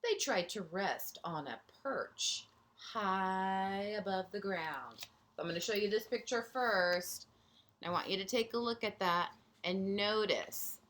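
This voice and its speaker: Her voice sits in the middle range as this woman teacher reads a picture book aloud to little kids, gently breaking off to chat with them and ask them questions.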